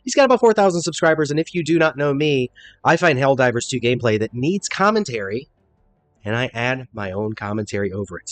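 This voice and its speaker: A man narrating gameplay commentary over footage, his voice a bit congested from a cold. He explains each move in an upbeat way, jumping up in pitch when something excites him. The sound is dry and close, with his pitch sitting in an ordinary middle range. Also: dry recording.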